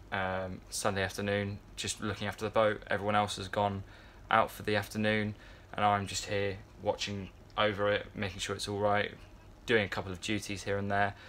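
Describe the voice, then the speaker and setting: A man in his twenties with a fairly low, slightly bright voice chats casually to a phone camera held at arm's length. He's indoors in a yacht crew area with a fan nearby, rambling in vlog style with lots of fillers and restarts, and there's slight background noise.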